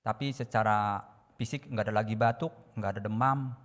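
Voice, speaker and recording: A man giving a testimony in a church service. He speaks fervently and sometimes shouts prayers. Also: on the low side, brisk, long reverb tail. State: recovering from illness. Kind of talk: sermon testimony.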